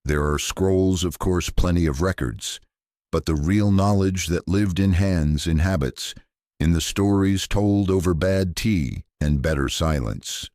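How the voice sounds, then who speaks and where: A man with a very low, deep voice reads a calm scripted sleep story in a soft-spoken, unhurried way with a gently wry touch. The sound is close and dry, with no room around it. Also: dry recording.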